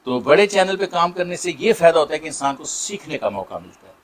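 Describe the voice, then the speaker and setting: A middle-aged actor with a Saraiki accent, answering interview questions in a warm, grateful way with many pauses. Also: male voice, a little high, sing-song. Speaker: Saraiki drama and film actor.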